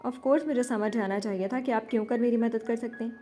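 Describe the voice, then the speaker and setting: A woman voicing a bitter, jealous young sister in a spoken novel, sharp and resentful. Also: fairly high pitch, fairly even intonation, soft background music, lightly acted.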